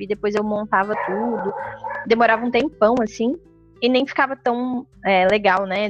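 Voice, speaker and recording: A woman's voice: medium pitch, lo-fi sound. A woman hosting a solo podcast, talking in a casual, reflective way with many fillers. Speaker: podcast host.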